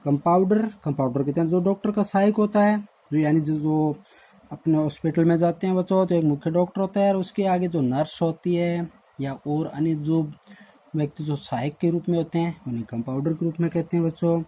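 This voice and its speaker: A man's voice: fairly high pitch, dark tone. Patient man teaching vocabulary. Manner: explains word meanings slowly, repeating and addressing children. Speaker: Hindi teacher. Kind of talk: recorded online class lesson.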